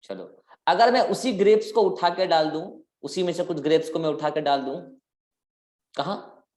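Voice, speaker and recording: A man's voice: fairly high pitch, moderate pace, darkish tone. A man teaching a biology class, quizzing his students and drawing out key words for emphasis. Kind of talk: live interactive class lecture. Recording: roomy echoing classroom.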